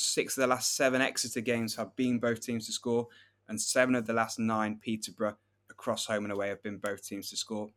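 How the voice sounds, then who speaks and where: A man co-hosting a football betting podcast, running through odds and trends in a relaxed, steady way. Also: on the low side. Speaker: podcast co-host, betting tipster. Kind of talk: casual football betting chat.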